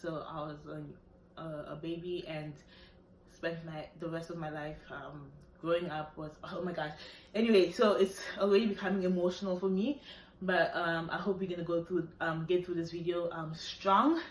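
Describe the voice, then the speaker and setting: A woman's voice: on the low side, steady tone, moderate pace. A woman, talking earnestly to camera on her vlog, hesitant with many fillers. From South Africa. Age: 20s. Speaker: vlogger. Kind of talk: personal talk to camera. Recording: echoey room, faint background noise.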